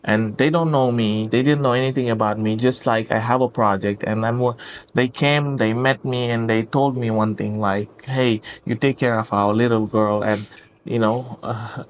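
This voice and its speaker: A man's voice: medium pitch, a little hiss or hum. Chatty young man from Senegal. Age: 20s. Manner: warm praising, laughs often, repeats "yeah". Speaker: host and project founder. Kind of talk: casual interview chat.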